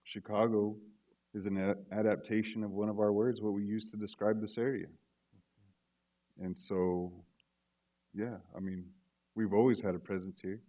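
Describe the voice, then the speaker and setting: A man with a deep, warm voice speaking on a library panel stage. He is measured and reflective, with plenty of pauses. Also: little pitch movement. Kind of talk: panel discussion remarks.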